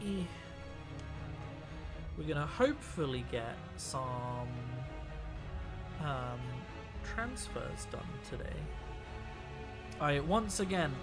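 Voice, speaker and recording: Over loud music, a young man with a slightly high, sing-song voice speaks slowly and pauses often as he live-streams miniature painting. A week of talking has worn out his voice, and he rambles casually, restarting sentences as he goes.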